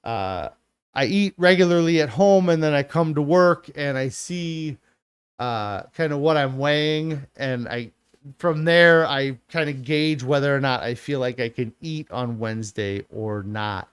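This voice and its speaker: A man giving a casual spoken diet update as a vlogger, halting with many fillers and restarts. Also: mid-range voice, clean tone, dry recording.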